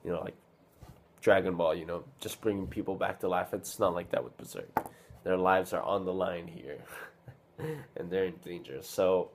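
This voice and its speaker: Deep-voiced man rambling casually. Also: creaky, slight background noise. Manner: rambling, many fillers and restarts. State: a little sick. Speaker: vlogger reviewing a manga. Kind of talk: casual unscripted talk to camera.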